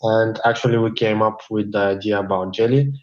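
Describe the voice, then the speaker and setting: Flat-voiced man, muffled audio. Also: on the low side. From Bulgaria. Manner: measured, flat delivery with some stumbles. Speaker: tech lead guest. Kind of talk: interview answers.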